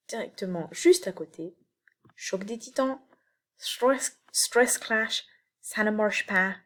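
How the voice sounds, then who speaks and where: Female teacher, recorded video lesson, slow and careful delivery, frequent hesitations. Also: medium pitch. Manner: slow, explanatory, with many fillers and restarts. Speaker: university teacher. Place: home, late evening.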